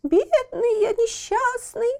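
A woman voicing a whiny, pitiful wooden puppet boy who wails his pleas in a high, shrill voice. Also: takes it slowly, darkish tone, heavily acted. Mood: wailing. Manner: wailing, sobbing pleas.

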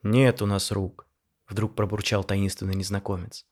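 A man voicing Zhora, a gruff, sarcastic male figure in a painting who mumbles and grumbles. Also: on the low side, level tone, moderate pace, darkish tone, lightly acted. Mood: grumbling.

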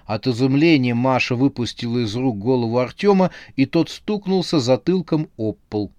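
A man narrating a comic horror novel as an audiobook with expressive, lively storytelling. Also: mid-range voice, moderate pace, dry recording.

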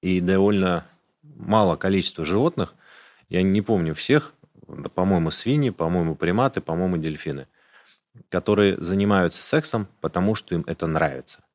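A man's voice: low-pitched, normal speed. A man, a urologist, explaining medical matters in a casual podcast conversation, matter-of-fact and detailed. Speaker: urologist guest.

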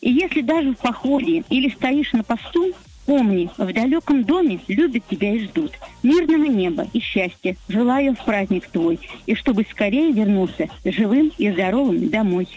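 A woman's voice: on the high side, lively intonation, moderate pace, dark tone, husky, low-quality recording. A middle-aged woman calling in to a radio show, speaking simply and conversationally. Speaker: radio show caller, soldier's mother. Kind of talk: simple conversational phone-in talk and greetings.

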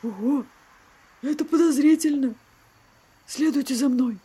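A woman's voice: high voice, measured pace, warm tone. A woman voicing a stern, menacing male town guard who questions sharply in a storybook reading.

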